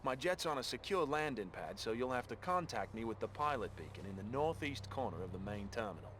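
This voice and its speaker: A man's voice: mid-range voice, expressive, fairly quick, background noise, lightly acted. A man voicing an easygoing jet pilot for hire who talks in a breezy, chatty way.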